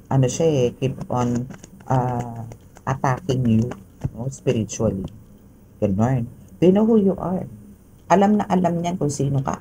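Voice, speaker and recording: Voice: mid-range voice, background noise. A tarot reader with a Filipino accent gives a casual spoken reading, chatty and full of tag questions and fillers.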